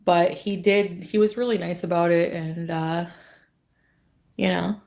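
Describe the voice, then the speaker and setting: A woman's voice: fairly low pitch, fairly even intonation, unhurried, vocal fry, a little mellow. Rambling, foul-mouthed woman vlogger. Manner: rambling, heavy swearing and filler words. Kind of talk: casual storytelling. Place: clip from her own video.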